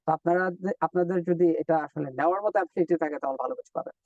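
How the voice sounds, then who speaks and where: A man teaching English in a live online lesson, explaining step by step and repeating drill words slowly. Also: on the high side, dry recording, far from the mic, narrow, tinny audio.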